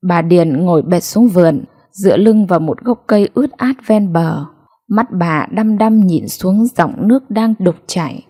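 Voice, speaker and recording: A woman storyteller giving slow, sorrowful audiobook narration. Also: medium pitch, dark tone, slightly rough.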